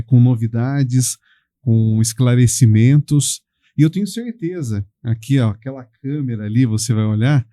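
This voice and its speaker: A man's voice: mid-range voice, warm tone, dry recording. A man hosting a podcast interview, giving encouraging short replies and inviting his guest to speak. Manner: encouraging, brief affirmations. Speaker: podcast host.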